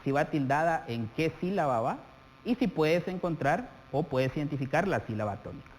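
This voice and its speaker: A man from Guatemala teaching a televised classroom lesson, speaking straight to the viewer and drawing out example words slowly. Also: a little high, expressive. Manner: addresses the viewer directly, stretches out example words while dictating. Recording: TV studio audio with long reverb and faint hum.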